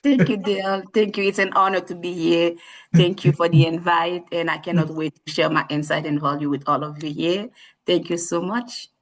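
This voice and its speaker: A Haitian woman who works as a nurse practitioner appears as a podcast guest in an interview conversation, speaking earnestly at a normal speed. Her voice is lowish and steady, though she repeats herself and restarts often. The recording quality is low.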